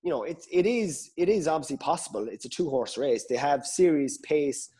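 A man's voice: on the high side, lively intonation, moderate pace, warm tone, breathy edge. Of man thinking aloud. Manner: hesitant, repeats words as he thinks aloud. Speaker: podcast guest, Gaelic football pundit. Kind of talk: casual sports discussion.

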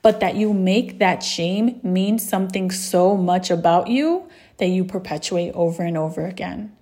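A woman's voice: fairly low pitch, normal speed, mellow. Chatty woman hosting a podcast. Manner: conversational, often asks "right?". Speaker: podcast host. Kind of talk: solo podcast talk.

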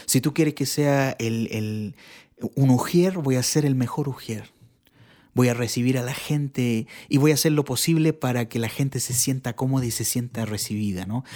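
Chilean man telling a church story. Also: medium pitch. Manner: animated, acts out the people he quotes. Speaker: guest sharing his testimony; church bass player. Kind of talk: casual storytelling.

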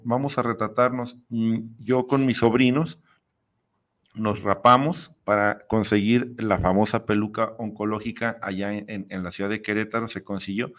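A man's voice: lowish voice, a bit bright. A man hosting a radio talk show, speaking hesitantly and searching for words. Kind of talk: conversational interview.

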